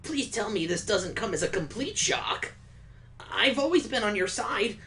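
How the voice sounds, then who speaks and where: A man voicing a clingy, lovestruck young man who talks with exaggerated, breathy sweetness. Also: sits high, animated, a little slow, pushed and bright, slight background noise, pitched above the performer's own voice, full character voice. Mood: gushing.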